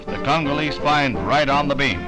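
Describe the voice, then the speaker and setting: An American man narrates a 1960s newsreel from a script, delivering it with a polished, declamatory announcer's style in a mid-range voice at normal speed. The vintage 1960 newsreel soundtrack carries music behind him.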